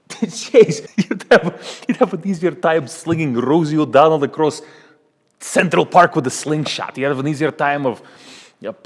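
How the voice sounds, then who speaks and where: A man playing a smug male union boss with a Russian accent, speaking halting, broken English with many repetitions in a comedy sketch. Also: on the high side. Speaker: union spokesman. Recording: long hall reverb.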